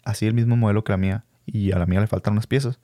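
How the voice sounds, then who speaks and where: A young man with a Mexican Spanish accent tells a personal story in a casual, rapid-fire way, his voice fairly low. He's a lively storyteller who acts out the people he quotes and laughs along. The recording is studio quality with no room sound.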